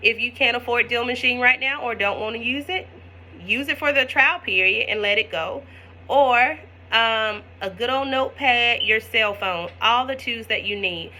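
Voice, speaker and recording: A woman's voice: a little high, moderate pace, pushed and bright. A woman, teaching real estate wholesaling in a chatty, folksy tutorial vlog with asides to her viewers.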